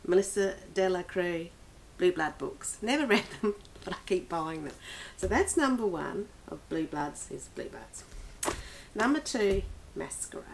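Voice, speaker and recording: A woman's voice: medium pitch, vocal fry, fairly bright tone, a little hiss or hum. A woman reviewing books in a casual, rambling vlog, with many restarts and small laughs. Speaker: book vlogger. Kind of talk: casual book review chat.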